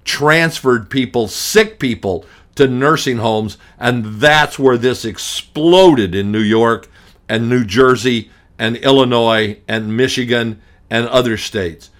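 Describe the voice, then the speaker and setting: A man's voice: medium pitch, slow pace, a bit bright. A middle-aged man hosting a radio talk show as an estate planning attorney, ranting emphatically and hammering points through repetition, with frequent restarts. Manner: frequent restarts, blunt and grumpy.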